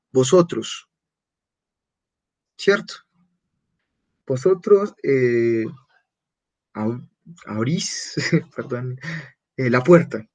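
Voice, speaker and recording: A man teaching a beginner German class, patiently repeating German phrases slowly and clearly. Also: a little high, dull audio.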